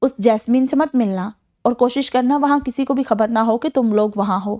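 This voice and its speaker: A woman's voice: a little high, dark tone, close to an everyday voice. A woman voicing an anxious older aunt from a novel, fretful and disapproving.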